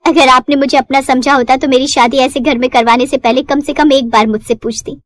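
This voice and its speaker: A woman's voice: high voice, steady tone, a little fast, no echo, close to an everyday voice. A woman doing a young bride, hurt, reproachful, cold, a little bitter, cartoon story, dry sound.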